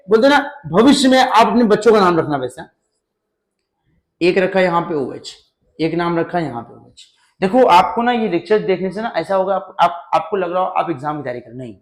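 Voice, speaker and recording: A male chemistry teacher with a high voice gives an animated lecture in an echoey room. He asks his class questions and answers them himself, and jokes as he goes.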